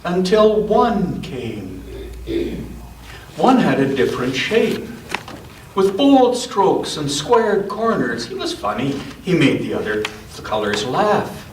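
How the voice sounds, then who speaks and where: Here a man reads a kids' story to an all-ages church group, his voice high and very animated. He pauses dramatically, stresses words with care, and interrupts himself to talk with listeners. Recorded indoors from a distance, the sound is roomy with slight noise.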